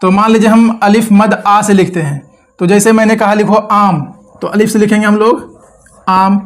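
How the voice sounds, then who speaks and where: A man's voice: high-pitched, steady tone, moderate pace. A man teaching an Urdu lesson step by step, patiently repeating words and asking the viewer questions.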